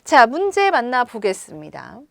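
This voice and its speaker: Woman teaching kids reading, high voice, jumps around a lot in tone, dry close mic. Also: moderate pace, vocal fry, no room sound. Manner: expressive, asks the pupils questions. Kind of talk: reading-comprehension lesson.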